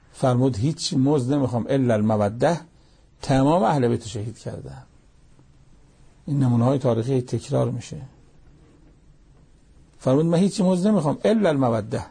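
A man's voice: medium pitch, creaky, mellow, slightly rough. A man preaching a sermon, reciting Arabic verses, explaining them, and pressing listeners with pointed rhetorical questions.

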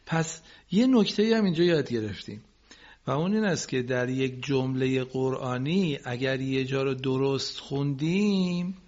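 A man teaching Quran recitation on a radio class, patiently correcting students and slowly modelling each phrase for them. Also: medium pitch. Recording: dull lo-fi broadcast recording.

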